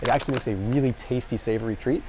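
A man's voice: medium pitch, fast, mellow, slight background noise. A man in his thirties talking energetically to camera as he walks a warehouse store aisle, explaining nutrition with a lapel mic. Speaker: health and nutrition vlogger. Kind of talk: educational grocery walk-through. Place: large indoor warehouse store. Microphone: small lapel mic.

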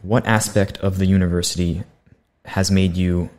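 A young man with a deep, steady, slightly mellow voice hosts a student podcast at a moderate pace. He politely reads prepared interview questions into a studio condenser mic on a boom arm in a small, bright studio room.

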